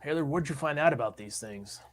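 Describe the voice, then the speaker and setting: Male tabletop player, slightly high voice, very lively pitch, casual excitable role-play. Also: a little fast. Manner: excitable, exclamatory.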